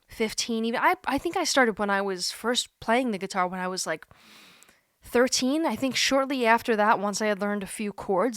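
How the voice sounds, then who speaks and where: A woman in her thirties talking candidly to camera from a creaky chair at home, earnest and self-deprecating, laughing at herself now and then. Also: on the high side, a bit bright, dry recording, clean studio sound. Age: 30s. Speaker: YouTuber. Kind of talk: candid reflective monologue.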